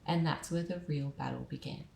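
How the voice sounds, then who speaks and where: A woman's voice: very deep voice, a little fast, vocal fry, a little mellow, slight background noise. A woman hosting a podcast, telling a true-crime story in dramatic scripted narration with casual asides to the listener. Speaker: podcast host. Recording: roomy echo.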